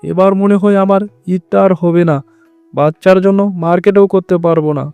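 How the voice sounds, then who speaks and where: A man voicing a good-hearted poor woodcutter fox, a devoted husband, in an earnest, expressive cartoon style. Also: high-pitched, brisk, clear, resonant tone, no room sound, soft background music. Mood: resigned. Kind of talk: cartoon voice acting.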